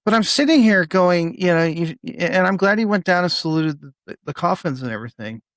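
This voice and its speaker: A man co-hosting a podcast in a casual political debate, talking excitably, swearing and stumbling over restarts. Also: sits high, brisk, dry recording. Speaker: podcast co-host.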